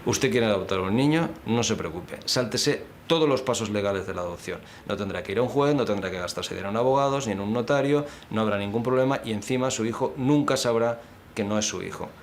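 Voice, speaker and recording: A man's voice: on the low side, fast talker, a little hiss or hum. A man speaking in a blunt, matter-of-fact way, ticking off points one by one. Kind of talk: interview statement.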